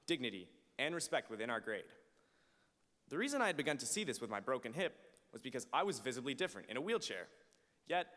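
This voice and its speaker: A man in his late teens giving an emphatic, deliberate graduation speech as valedictorian at a podium microphone in a large auditorium. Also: mid-range voice, fairly bright tone. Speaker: high school valedictorian. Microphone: podium microphone on a stand. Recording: reverberant hall through PA microphone.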